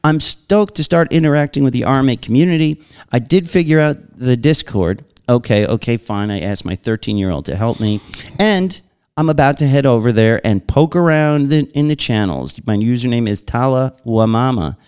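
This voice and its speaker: A man's voice: mid-range voice, lively intonation, moderate pace, a little mellow, clean tone. A man with a Long Island accent hosting a podcast, casually chatting and reading listener mail aloud, laughing often and breaking off for asides. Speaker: podcast host.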